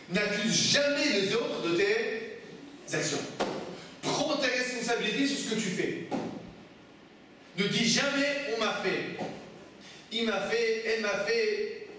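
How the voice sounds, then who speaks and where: A rabbi teaches a class of students, pressing them with emphatic questions. His voice sits high for a man. The room echoes heavily and he is recorded from a distance. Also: lively intonation, slow pace, pauses often. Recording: echoey room, from far off, faint noise.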